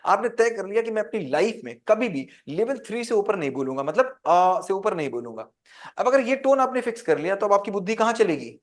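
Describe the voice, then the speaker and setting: Man, high voice, teacher, interactive lecture, asks the class questions. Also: animated, brisk. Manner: quizzes the class with call-and-response questions.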